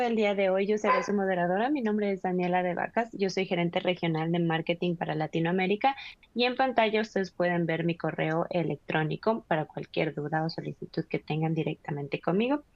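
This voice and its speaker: A woman moderating a webinar, introducing it in a polite, welcoming tone with soft hesitations. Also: fairly low pitch, no echo. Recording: dull, dry lo-fi online call audio.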